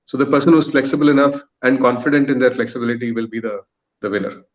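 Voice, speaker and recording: On dull, lo-fi audio, a podcast guest in his thirties works through a careful, well-organized answer for a panel discussion, pausing frequently as he goes. He speaks fast at a medium pitch.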